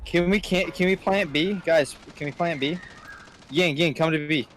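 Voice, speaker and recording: A man's voice: fairly high pitch, normal speed, fairly bright tone. A man leading his team in casual game voice chat, giving directive tactical calls and often repeating his instructions. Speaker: team leader in an online game. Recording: noisy gaming voice-chat mic.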